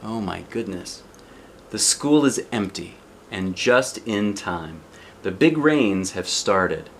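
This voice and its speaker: This reader's voice sits on the low side, and he takes a slow, expressive approach to a children's picture book, chatting and asking the young listener questions along the way. Slight background noise is present.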